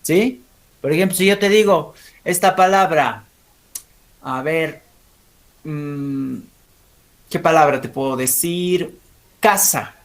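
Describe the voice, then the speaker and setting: Profesor de acento boliviano con voz alta y clara. Explica la materia con paciencia y lanza preguntas a sus alumnos. Remata muchas frases con una pregunta breve para ver si lo entienden. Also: male voice, a little high. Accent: Bolivian Spanish. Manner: keeps checking understanding with quick tag questions; asks students questions and calls on them. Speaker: teacher. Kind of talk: classroom lesson.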